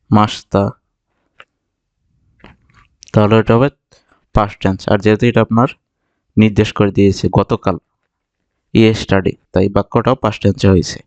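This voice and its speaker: A man from Bangladesh teaching vocabulary, explaining patiently and repeating each word slowly for learners. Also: on the low side, a little mellow, no echo, muffled recording. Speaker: Japanese language teacher. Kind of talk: vocabulary lesson narration.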